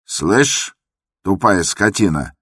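A man voicing a frantic, furious male asylum patient who shouts hoarsely, in a radio drama. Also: low voice, very animated, slow, no room sound, studio quality, full character voice. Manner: shouting, raging.

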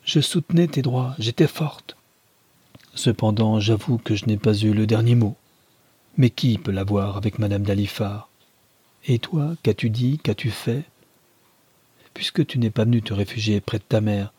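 A man's voice: lowish voice, moderate pace, mellow, breathy edge, dry recording. A man reading a novel aloud, voicing a domineering, indignant middle-aged mother who lectures with emphatic rhetorical questions.

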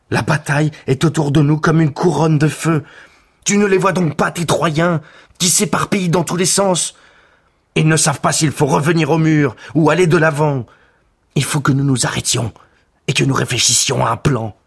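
A man's voice: fairly high pitch, gravelly, husky, pitched above the performer's own voice. A man voicing an angry male Trojan warrior who urgently pleads for a plan.

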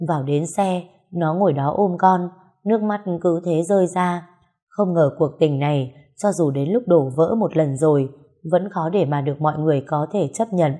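A woman's voice: sits low, mellow, slightly rough. A woman reading a family drama aloud as a storyteller, giving the arguing characters raised, heated voices. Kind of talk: scripted story narration.

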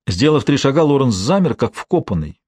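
A man reading a thriller audiobook aloud in an even, measured way. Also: mid-range voice, no echo. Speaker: audiobook narrator. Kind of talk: scripted narration. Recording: dry studio sound.

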